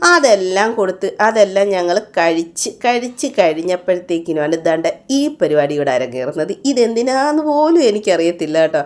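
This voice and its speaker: A woman's voice: lowish voice, lively intonation, a little fast, few pauses. A woman vlogger chatting casually in a voice-over about cooking and her child, often tagging her sentences with "you know". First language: Malayalam speaker. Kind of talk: casual voice-over narration of a home day.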